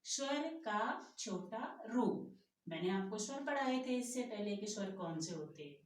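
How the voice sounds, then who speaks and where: Woman, primary teacher; slow, patient lesson delivery with question-and-answer drills; echoey room, distant mic. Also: medium pitch, animated. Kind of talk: Hindi grammar lesson for young children.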